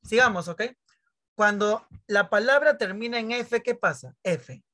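A man teaches English over a video call, with a bright, ringing voice. He jokes and teases his pupils and plays out their questions in their voices. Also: high-pitched, a little slow. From Peru. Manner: joking, teasing pupils, acts out their questions. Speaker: primary school English teacher. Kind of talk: online class, explaining grammar.

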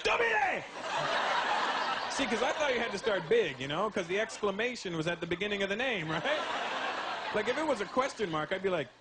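A male stand-up comedian telling animated stories with many asides to the audience. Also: sits high, fast talker, very noisy. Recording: live comedy show, loud crowd laughter.

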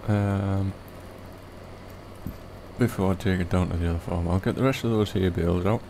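A man giving relaxed, rambling commentary over a farming game, with lots of ums. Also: low voice, normal speed, vocal fry, a little hiss or hum. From Britain. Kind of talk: casual gameplay commentary.

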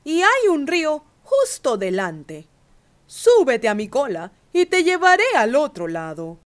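Storybook coyote, played by a woman: sly and unhurried, with a coaxing drawl. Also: high voice, huge pitch swings, heavily acted. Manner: slow, coaxing, crafty. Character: sly, smooth-talking coyote, adult male.

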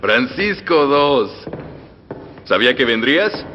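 The mood is jovial as a Mexican-accented actor voices a middle-aged revolutionary general in a film dub, teasing, threatening and breaking into loud laughs, moving from soft menace to loud outbursts. His mid-range male voice is sing-song and slow. Long reverb and faint music sit on a dull film soundtrack.

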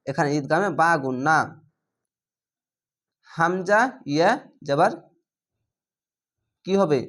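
Guy teaching quran reading, super slow, explains then chants each word stretched out. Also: a little high, a bit bright. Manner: explains rules slowly, then chants words drawn out. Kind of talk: spelled-out recitation lesson.

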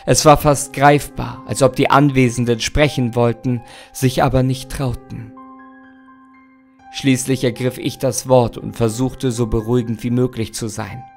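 A man narrating a scripted horror story in a steady storytelling manner. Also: mid-range voice, a little slow, vocal fry, soft background music.

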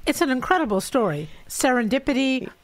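A woman hosts a radio interview. Her voice is high, and she reacts with enthusiasm and follows up quickly with questions. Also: sing-song. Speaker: podcast host.

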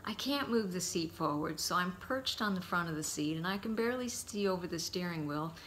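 Bright-toned man telling memories. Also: sits high, animated, a little hiss or hum. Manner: warm, halting anecdotes with frequent pauses. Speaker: son giving a eulogy. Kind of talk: heartfelt memorial storytelling.

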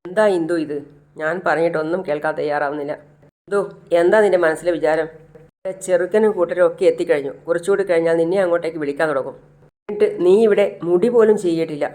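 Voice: medium pitch, quick pace, darkish tone, close to an everyday voice. A narrator doing a scolding anxious mother.

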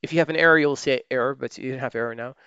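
Speaking very fast, a relaxed software trainer with a smooth, resonant, medium-pitched voice narrates a screen-recorded tutorial, typing as he thinks aloud and correcting himself often amid many fillers. The dry, slightly dull sound suggests a desk mic close by in a quiet room.

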